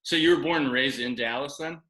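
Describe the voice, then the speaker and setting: A male podcast co-host asks easygoing questions in a casual chat. His voice is bright and sharp, and it sounds roomy and echoey. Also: mid-range voice, brisk. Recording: roomy echo.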